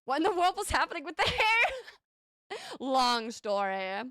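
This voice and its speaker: This streamer and VTuber artist, a young UK woman, chats with her viewers and reads their messages on a laid-back live stream. Her high voice swoops wildly in pitch at a measured pace, a touch bright, captured dry in a clean studio. She sounds bubbly, giggly and cheekily sassy, with a light British accent tinged with American.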